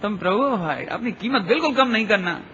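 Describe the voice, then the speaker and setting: A man giving a devotional lecture, chanting scripture verses slowly and explaining them with questions put to the listeners. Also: sits high, expressive, pushed and bright, husky. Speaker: Jain preacher. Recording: dull lo-fi recording in a reverberant hall.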